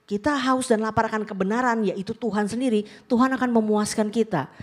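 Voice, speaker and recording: A woman's voice: on the high side, steady tone, a little fast. A woman pastor preaching a sermon, telling a personal story in a casual way and often turning to the congregation. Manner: colloquial, mixes in English phrases.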